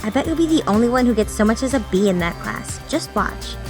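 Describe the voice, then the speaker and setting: A pushy, complaining teenage schoolgirl, voiced high and bright, as a woman puts her on. Her complaints push up well above the narrator's own voice, over steady background music. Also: fast, close to an everyday voice. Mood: teasing. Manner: complaining, teasing tone.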